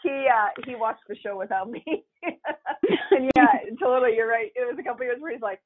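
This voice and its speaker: Woman author guest, lively storyteller with leaps in pitch, heard over a tinny phone line. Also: brisk. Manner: animated storyteller, acts out quotes with big pitch jumps. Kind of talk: casual interview chat.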